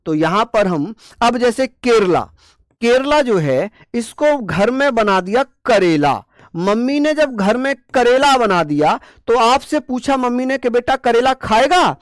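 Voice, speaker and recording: Dry-voiced teacher drilling with call-and-response. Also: male voice, very high-pitched, expressive, a little slow, dry recording. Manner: repeats questions and answers them himself in a call-and-response way; playful, jokey mnemonics with scolding asides. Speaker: exam-prep teacher. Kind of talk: online coaching class lesson.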